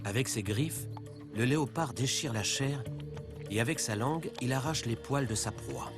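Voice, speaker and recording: A man narrating a nature documentary from a script, in a measured, dramatic storytelling manner. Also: medium pitch. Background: loud background music.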